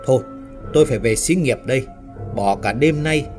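Man voicing a skeptical male foreman, calm, level-headed, storybook reading. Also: medium pitch, normal speed, music in the background, close to an everyday voice.

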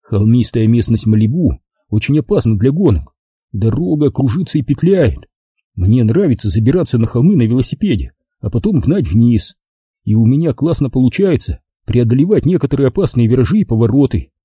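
Dark, husky male storybook narrator. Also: mid-range voice, brisk, no room sound, studio quality. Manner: lively, expressive first-person telling. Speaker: audiobook reader.

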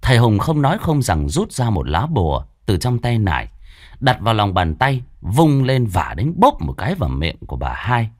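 A man's voice: lowish voice, normal speed, dry recording, clean studio sound. A man narrating a scripted horror story in a dramatic manner. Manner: dramatic, lively intonation.

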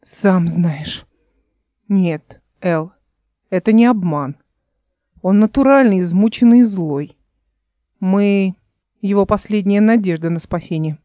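A woman reading the lines of a calm, knowing male spirit guide in an audiobook, matter-of-fact and quietly teasing. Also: mid-range voice, slow pace, long pauses, dry recording, close to an everyday voice. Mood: reassuring.

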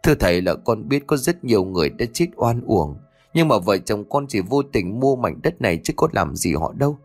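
A man voicing an anxious young mother, who talks in a quick, scolding voice. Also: on the low side, sing-song, faint music behind. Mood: pleading.

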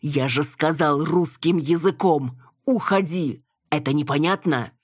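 A woman reader playing a brutal, shifty man posing as a doctor, gruff and snapping. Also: a bass voice, expressive, no room sound, studio quality, exaggerated voice. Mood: menacing. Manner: gruff and snapping, then a slow menacing tirade.

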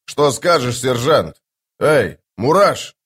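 A man voicing a loud, crude male sapper in an audiobook, drawling and rowdy. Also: mid-range voice, very animated, slow, breathy edge, full character voice. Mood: mocking.

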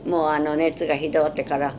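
Low-voiced elderly woman with western Japanese dialect. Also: level tone, fast, background noise. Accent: western Japanese, Chugoku dialect. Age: 70s or older. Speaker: oral history interviewee. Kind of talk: reminiscing in conversational interview.

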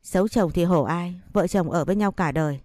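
An ashamed husband caught in the act, as a woman narrator voices him, cowardly and wheedling as he begs forgiveness. The delivery is low and warm, with a dry close sound. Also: a little fast, no room sound, lightly acted. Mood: pleading. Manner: pleading, wheedling.

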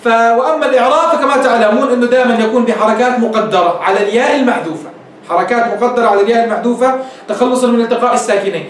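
A man with a Levantine Arabic accent teaches a grammar class, explaining patiently and checking that his students follow. His voice sits very high for a man, and he talks quickly. The recording is strongly echoey, with the mic well away from him. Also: a little hiss or hum. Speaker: Islamic scholar teaching grammar. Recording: echoey room, mic at a distance.

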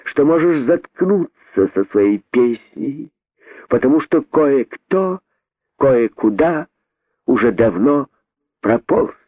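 A male narrator voicing a cheeky, sharp-tongued female monkey mother who talks in a slow, mocking drawl. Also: mid-range voice, animated, no echo, pitched above the performer's own voice. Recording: narrow phone-like band.

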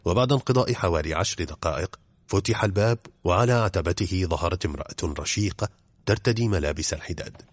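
Deep, husky male narrator. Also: quick pace. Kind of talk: audiobook narration.

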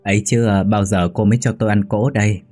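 A man's voice: on the low side, fairly even intonation, quick pace, dark tone, soft background music, natural voice. A man voicing a young, hot-tempered businesswoman who is a new mother, with a raised, tearful voice. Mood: teasing. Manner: tearful, sobbing pleas.

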